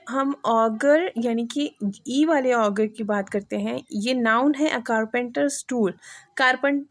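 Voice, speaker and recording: A woman giving a recorded English vocabulary lecture, speaking slowly and deliberately and often checking that her students follow. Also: high-pitched, dry recording, studio quality. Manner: slow, deliberate, reads example sentences even more slowly; repeats "theek hai" to check understanding. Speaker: English teacher.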